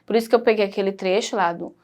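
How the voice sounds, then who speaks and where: Speaking very fast, in a steady, slightly mellow, medium-pitched voice, a woman with a Brazilian Portuguese accent teaches a recorded primary school lesson. She explains patiently and points things out along the way.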